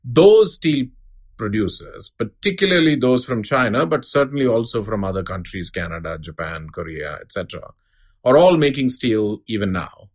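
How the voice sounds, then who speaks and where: A middle-aged man giving a measured, unscripted explanation as an expert interview guest. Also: lowish voice, big pitch swings. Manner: measured, explanatory, uses analogies. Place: studio.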